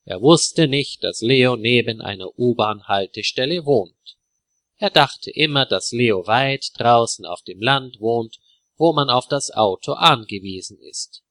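A man narrating a simple story in a clear, deliberate way for language learners. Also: mid-range voice, expressive, a bit bright, dry recording.

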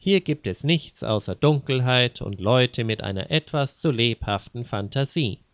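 A man's voice: medium pitch, animated, unhurried, no room sound. A man voicing a blunt, skeptical man who mocks and scoffs. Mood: scornful. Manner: mocking, scornful.

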